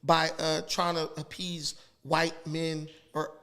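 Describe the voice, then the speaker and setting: A high-pitched man talks as a podcast guest. He is blunt and crude. He hammers his points home insistently. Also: completely flat delivery, slow pace, a bit bright. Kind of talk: heated casual talk.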